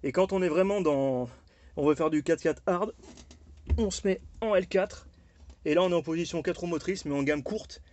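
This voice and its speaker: A man with a slightly high voice walks through his vintage four-by-four in a casual, rambling way. He talks loosely, stopping and restarting, and pads his sentences with fillers. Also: normal speed, a little mellow. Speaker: car owner presenting his vehicle. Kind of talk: casual walkaround presentation.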